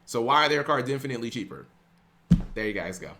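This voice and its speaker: A man's voice: mid-range voice, animated, quick pace, bright, forceful tone. A young man streaming, ranting casually to his live chat with lots of restarts and some swearing.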